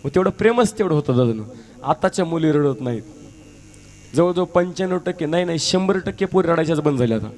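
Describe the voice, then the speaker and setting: A man's voice: fairly high pitch, expressive, fast talker, darkish tone. A male folk devotional performer delivering a sermon-style talk, exhorting the audience with rhetorical questions and repeated appeals.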